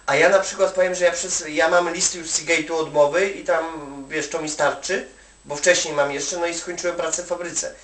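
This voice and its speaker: A Polish migrant worker chats casually on the phone, offering an acquaintance rambling, colloquial advice peppered with "you know." His voice is a little high, steady, brisk and fairly bright. It's a one-sided call recorded in an echoey room, away from the mic.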